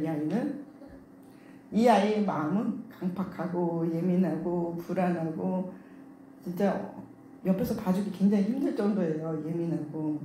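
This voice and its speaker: A woman's voice: mid-range voice, mellow. Woman preaching in an echoey church. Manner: storytelling, acts out quotes. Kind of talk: sermon testimony. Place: church sanctuary. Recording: very echoey church hall, faint noise.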